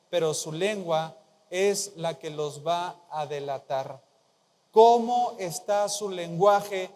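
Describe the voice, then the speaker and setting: A man's voice: high-pitched, a little mellow, in a large hall. A man preaching a sermon as pastor, emphatic, repeating key phrases and prompting the congregation to answer. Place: large church hall.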